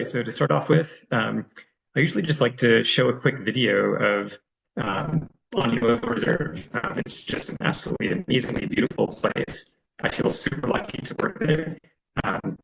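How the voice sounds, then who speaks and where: A man's voice: mid-range voice, gravelly, fairly bright tone, rough recording. A man giving a friendly, loose online presentation over a video call, as a reserve director, with frequent ums. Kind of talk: online presentation with screen sharing.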